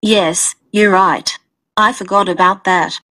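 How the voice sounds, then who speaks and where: A woman acts as an agreeable female college student with a medium-pitched voice. It is a scripted dialogue for a listening exam. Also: steady tone, slow pace, sharp tone. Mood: agreeable, informative.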